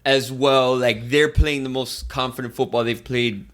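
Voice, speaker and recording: A man's voice: mid-range voice, fairly even intonation, measured pace, fairly bright tone. A man co-hosting a sports podcast, upbeat and steering the casual chat. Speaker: podcast co-host.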